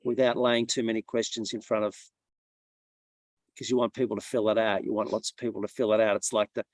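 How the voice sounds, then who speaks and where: A man on an online webinar panel, explaining his points in a measured way with a few restarts. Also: fairly low pitch, level tone, no room sound. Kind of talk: casual online webinar talk.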